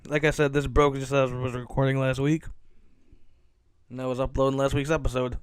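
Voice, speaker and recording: A man's voice: mid-range voice, flat delivery, a little fast, clear, resonant tone, no echo. A man hosting a casual solo commentary podcast, rambling, cursing and correcting himself as he goes. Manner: rambling, self-correcting and profane. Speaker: podcast host.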